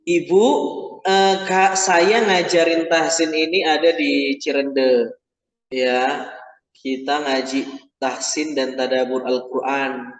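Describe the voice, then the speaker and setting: A man with a high, lively voice leads an informal religious class, chatty and teasing his listeners. He sounds distant from the mic. A long, echoey hall reverb hangs on every word. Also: slow. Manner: chatty, animated, teasing the audience. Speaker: Quran teacher.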